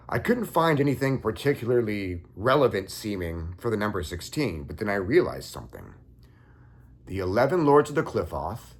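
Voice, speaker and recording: A young man calmly recounting a dream in a measured first-person story. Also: lowish voice, slightly rough. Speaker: occult content creator.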